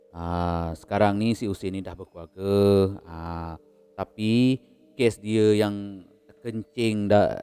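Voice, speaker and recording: A man with a Malaysian Malay accent narrating a horror story in a casual, unhurried way, chuckling between beats. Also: sits low, a little mellow, clear, resonant tone, long reverb tail.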